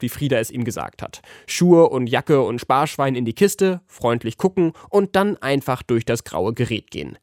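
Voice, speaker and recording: A man's voice: mid-range voice, dry recording, studio quality. Man reading a children's story. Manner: lively storytelling, voicing the characters. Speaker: narrator.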